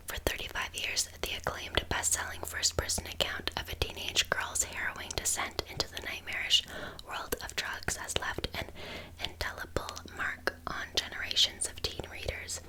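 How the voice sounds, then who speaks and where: A woman in a whispered role-play as a helpful librarian, softly presenting and reading about books in an unvoiced, gentle library whisper. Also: poor audio. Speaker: ASMR host playing a librarian presenting books.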